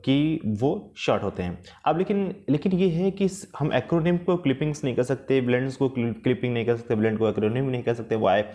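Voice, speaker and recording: A man teaching an English lesson with patience, repeating and rephrasing each point, slow and careful in English and quicker in the rest. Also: medium pitch, warm tone. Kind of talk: explanatory lesson mixing Hindi and English.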